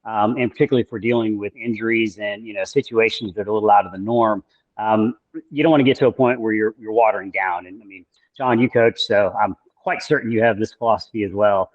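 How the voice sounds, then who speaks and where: A male endurance coach speaking in a mid-pitched, unhurried, measured way, full of "you know" and "um". His audio sounds dull and lo-fi, and dry, with no room echo. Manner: relaxed, measured, filler-heavy. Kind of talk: casual interview chat.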